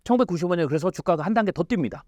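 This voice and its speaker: A man's voice: high-pitched, lively intonation, racing, darkish tone, no echo, studio quality. A man as an interview guest, explaining in an emphatic way with rhetorical questions. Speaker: futurist guest.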